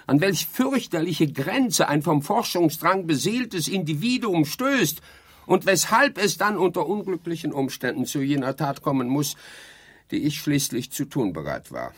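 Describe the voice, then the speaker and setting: In a theatrical radio play, an actor voices a haughty, exasperated sleep researcher who is dead, declaiming and lecturing with indignation. His male voice is husky and sits a little high.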